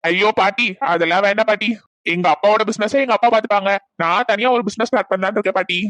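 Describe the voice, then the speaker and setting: A man voicing a polite young grandson in a cartoon, who gently reassures his grandmother. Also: high voice, fairly even intonation, quick pace, no echo. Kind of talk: cartoon voice acting.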